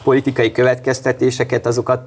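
Flat-voiced hesitant male host. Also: medium pitch, slightly rough. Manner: hesitant, many fillers and restarts. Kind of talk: studio political discussion. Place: studio.

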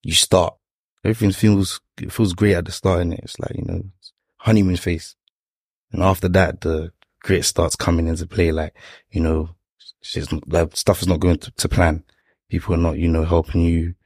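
A young man with a London accent and a low, gravel-edged husky voice, recorded dry. He speaks in a reflective, conversational way, as in a motivational chat with friends, tagging his points with little questions. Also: level tone, moderate pace, a little mellow, no echo.

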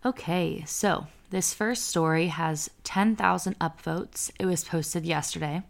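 A woman's voice: fairly low pitch, unhurried, gravelly. A woman in her twenties hosting a casual podcast, congested and a bit nasal, swearing freely as she chats and reads stories aloud. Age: 20s. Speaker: podcast host. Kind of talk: casual podcast chat and story reading.

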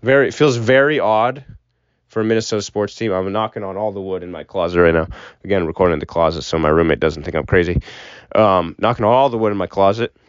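Young male podcast host, deep voice, loose filler-heavy delivery, recorded inside a closet with a muffled lo-fi sound. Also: quick pace, clear, resonant tone, dry recording. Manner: rambling, filler-heavy, profane. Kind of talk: casual solo podcast rant. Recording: dry, dull lo-fi closet sound.

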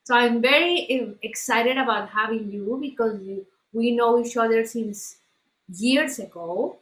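A woman's voice: a little high, unhurried. A woman hosting an interview podcast, asking friendly questions. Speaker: podcast host. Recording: roomy echo.

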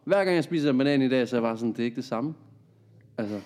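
A man, a comedian and podcast guest, telling a story in a lively, laughing way. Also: mid-range voice. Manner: animated, laughing anecdote telling.

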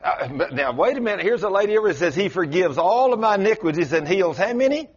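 A man in his late sixties preaching a folksy sermon, quizzing his congregation and rising to loud exclamations. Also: high-pitched, animated, fast, highs cut off. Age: 60s. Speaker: pastor.

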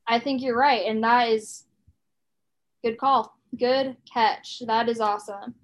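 A woman's voice: fairly high pitch, steady tone, slow, poor audio. A woman in her thirties co-hosting a podcast, chatting casually and rambling with plenty of fillers and restarts. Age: 30s. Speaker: podcast co-host. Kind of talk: casual chat.

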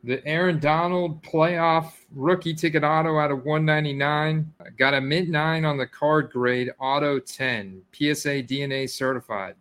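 A man hosting a casual card-opening video, talking straight to his viewers and breaking into excited exclamations as he goes. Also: on the high side, normal speed, few pauses. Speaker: sports card collector host. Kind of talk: casual unboxing chat to viewers.

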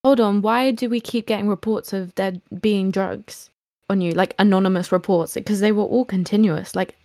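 A woman's voice: mid-range voice, steady tone, normal speed, a little mellow, no echo. A woman co-hosting a casual chat show, eagerly adding details to the story. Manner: chatty, adds details eagerly. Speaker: podcast co-host.

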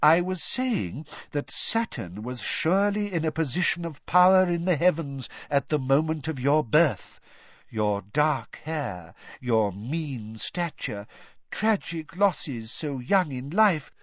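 A man's voice: fairly high pitch, expressive, no room sound, pitched above the performer's own voice. A man voicing a mournful older female fortune-teller with a misty, airy voice, in an audiobook. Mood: dreamy. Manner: mournful, drawn-out and dramatic. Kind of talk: audiobook character voice. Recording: dull, dry studio recording.

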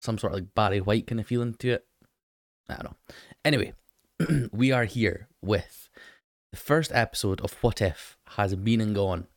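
A man with a hoarse, croaky voice hosting a casual solo podcast, chatting to listeners with plenty of ums. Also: lowish voice, moderate pace, no echo, clean studio sound. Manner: chatty, lots of ums, talks straight to listeners. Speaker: podcast host.

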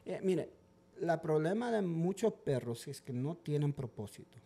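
A man's voice: fairly high pitch, lively intonation, a little slow, gravelly, crowd noise. A man guest, a dog trainer, telling stories animatedly in casual podcast talk and mixing in English words.

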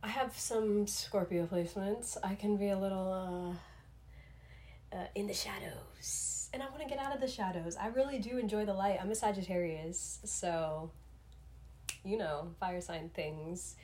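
A woman's voice: mid-range voice, measured pace, darkish tone. A young adult woman hosting a solo podcast in a casual, rambling, introspective way, sounding slightly under the weather. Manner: rambling, self-reflective, uses slangy filler "like". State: under the weather, throat-clearing.

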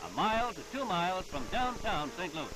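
Old newsreel guy, high voice, big dramatic announcer read, music going underneath. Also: animated, brisk. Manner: formal, dramatic announcer delivery. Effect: old archival newsreel sound. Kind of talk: 1950s newsreel narration. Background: music under the narration.

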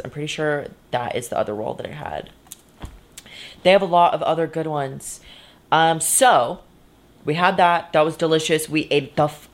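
Low-voiced young woman with vocal fry. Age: 20s. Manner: informal, sweary, self-interrupting. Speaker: vlogger. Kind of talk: casual, rambling personal vlog chat. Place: in bed indoors.

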